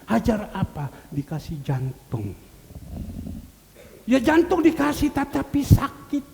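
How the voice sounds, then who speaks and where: An older man preaching a sermon as pastor in a church hall, swinging from loud pleading cries to low murmured asides. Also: huge pitch swings, slow, gravelly. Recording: reverberant church hall, faint noise.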